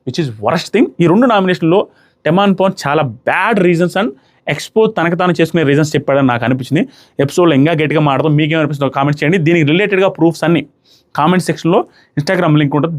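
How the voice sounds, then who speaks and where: Young male reviewer, rapid animated recap voice, slightly high. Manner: fast animated retelling, acting out quotes. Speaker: reality show reviewer. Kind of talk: casual commentary.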